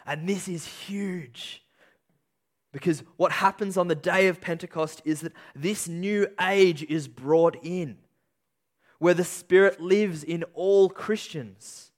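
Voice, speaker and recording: A man preaching a sermon with an emphatic delivery, slowing on key phrases and swinging between loud peaks and quiet endings. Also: sits high. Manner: emphatic, rising and falling delivery with slow stressed phrases.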